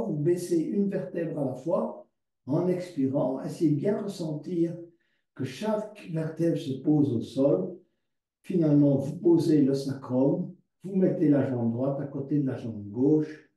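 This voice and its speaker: A man teaching a yoga class, giving calm step-by-step cues and slowly repeating words as he guides the poses. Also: fairly high pitch. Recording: distant mic in a very echoey room.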